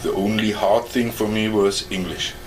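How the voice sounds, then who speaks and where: A man in his forties with a German accent, German his first language, answering questions in an oral history interview, halting as he searches for English words and chuckling often. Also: on the low side, noisy background. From East Germany. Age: 40s.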